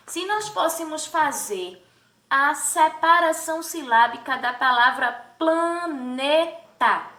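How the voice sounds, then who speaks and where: A high, bright woman teaching young children, stretching each word slowly and lifting her voice into sing-song questions. She sounds set back from the mic in an echoey room. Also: recorded from a distance. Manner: slow, drawn-out syllables for children. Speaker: primary school teacher. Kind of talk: remote children's lesson.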